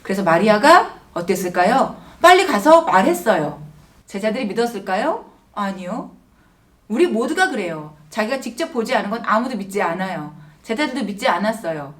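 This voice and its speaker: A woman teaching a gentle Easter sermon to children, asking them questions as she goes. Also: medium pitch, big pitch swings, normal speed, far from the mic. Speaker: children's Sunday school teacher.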